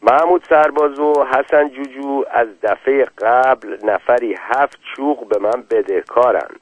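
A man's voice: medium pitch, no echo. A man narrating a story as an audiobook, reading the narration plainly and giving the characters' lines short voiced turns. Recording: dry, tinny phone-like radio sound.

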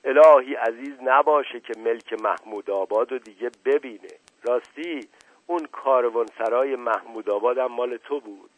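A man's voice: no echo, lightly acted. Man voicing a wailing melodramatic wife. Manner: shrill lamenting. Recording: tinny phone-like old radio broadcast.

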